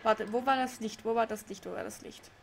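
A woman's voice: fairly high pitch, brisk, gravelly, a little hiss or hum. A young woman streaming a game live, chatting with her chat, laughing often and getting confused. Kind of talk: live let's play with chat reading. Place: home room.

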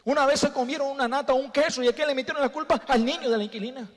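A man with a strikingly high voice delivers a humorous sermon, mixing jokes and stories with preacherly appeals to the congregation. His voice rings with the long reverb of a church hall. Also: fairly even intonation, very fast. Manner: jokey, preacherly, addresses the congregation as brothers. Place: church sanctuary.

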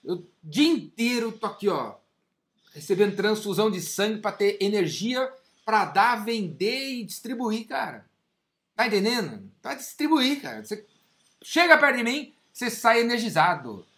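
A man's voice: sits high, moderate pace. A man in his forties, a sales coach giving an emphatic, slangy motivational talk straight to camera from a home office. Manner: emphatic, punchy, repetitive, slangy and animated. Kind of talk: energetic motivational monologue to camera. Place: home office with bookshelves, indoors.

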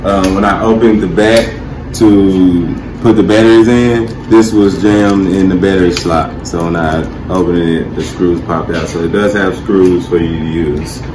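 In this relaxed DIY tutorial, a man in his thirties demonstrates a product step by step in a noisy home game room, speaking informally as he works. He has a low voice, fairly even intonation and a measured pace.

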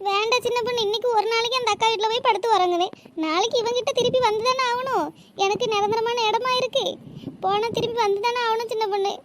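A woman's voice: very high-pitched, fairly even intonation, fast talker. A woman voicing a grieving, tearful village mother in a cartoon, speaking in a lamenting way. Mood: despairing. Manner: lamenting, pleading. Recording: noisy cartoon voice track.

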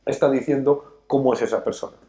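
Sitting on a sofa on a studio set, a show host who teaches finance lectures emphatically, gesturing a lot throughout the talk show discussion. He speaks fast in a warm, steady, mid-range voice.

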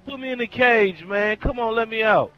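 High-pitched male gamer, unhurried, animated, exclamatory, casual chat, dull lo-fi sound. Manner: informal, exclamatory. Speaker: online game player. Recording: dull lo-fi game chat, faint music.

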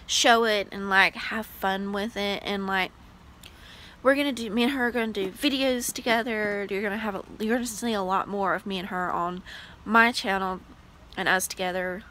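A woman's voice: medium pitch, bright, forceful tone, slight background noise, rough recording. A woman in her late twenties chatting casually to her vlog viewers, gushing and full of "like" fillers. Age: 20s. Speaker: vlogger. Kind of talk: casual vlog chat to camera.

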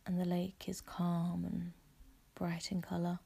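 A woman's soft, husky, breathy voice, pitched on the low side, leads a guided visualisation meditation. Calm and gentle, she delivers her lines in measured, soothing phrases.

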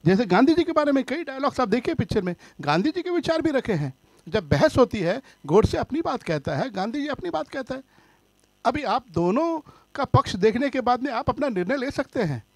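A man's voice: high voice, no echo. A filmmaker speaking earnestly at a press conference, explaining and defending his work. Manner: pleading for calm, then earnest explaining.

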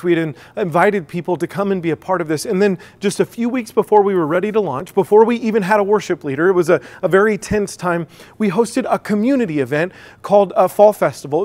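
A middle-aged pastor with an American Midwest accent and a high-pitched voice delivers a sermon conversationally. He leans on fillers and often restarts his sentences.

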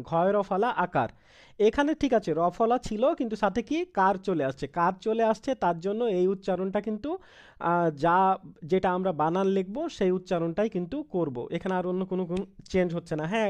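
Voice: medium pitch, a little mellow, clean tone. Patient Bangladeshi teacher, repetitive lesson. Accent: Bangladeshi Bengali. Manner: patient, repeats examples, mixes in English words. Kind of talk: online grammar lesson.

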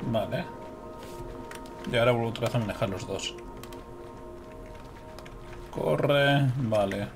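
Young man, Spain Spanish accent, gameplay commentator, swears a lot, music clearly audible behind. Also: mid-range voice, takes it slowly. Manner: swearing, laughing, talking to viewers. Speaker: gameplay streamer.

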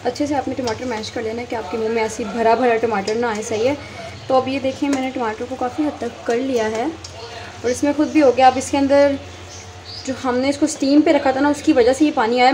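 Talking to viewers through the phone she holds, a woman gives chatty step-by-step cooking instructions in her home kitchen. Her voice sits high. Behind her, loud frying sizzle and stirring add slight background noise.

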